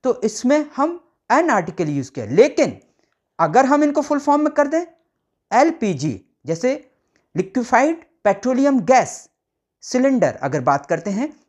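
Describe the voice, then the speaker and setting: Slow, lively woman teaching grammar. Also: fairly high pitch. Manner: slow, lively teacher sounding out letters and examples. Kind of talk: explaining English grammar lesson in Hindi.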